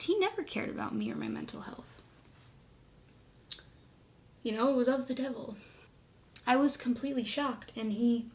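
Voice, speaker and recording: A young woman in her twenties, telling her own story to camera in a soft, halting way, often trailing off quietly. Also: fairly high pitch.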